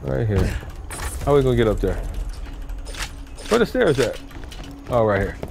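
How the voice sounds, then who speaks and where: Male gamer, casual and playful, repeats himself, mid-range voice over clear game music. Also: medium pitch, sing-song, a little slow. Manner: goofy, repeats words and sound effects. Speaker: gamer playing co-op. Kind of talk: casual gameplay chat. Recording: game music and gunfire behind.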